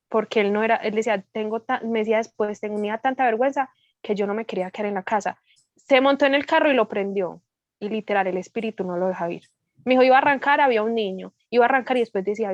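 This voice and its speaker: Colombian woman guest speaker, higher register, lively storyteller, dry muffled recording. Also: dry recording. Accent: Colombian Spanish. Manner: lively storytelling, acting out dialogue. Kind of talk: testimony in a prayer meeting.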